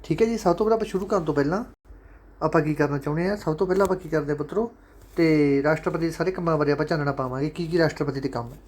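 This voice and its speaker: A man's voice: fairly high pitch, very fast, darkish tone. A man with a Punjabi accent teaching an online exam-prep lesson, chatty and fatherly, repeating key points again and again. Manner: chatty and fatherly, calls students "sons". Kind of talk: casual online lecture.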